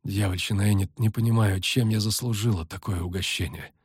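A male reader voicing an exhausted, sardonic sorceress who speaks low, strained and muttering. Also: steady tone, a little fast, husky, no echo, studio quality. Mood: weary. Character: battered weary sardonic sorceress woman.

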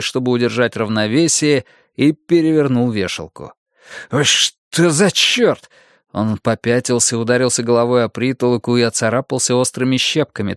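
A man of middle pitch narrating a novel in a steady, measured reading voice. The recording is dry and close, with no room around him. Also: no room sound. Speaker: audiobook narrator. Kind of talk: scripted narration of a crime novel.

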